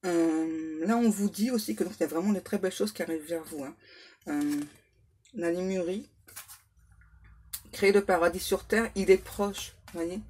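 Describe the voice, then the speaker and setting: A woman giving a spoken card reading as a medium, repeating herself with many fillers and clearing her throat often. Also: fairly low pitch, normal speed, long pauses, a little mellow. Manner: repetitive, filler-heavy, insistent. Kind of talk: spoken tarot guidance to viewers.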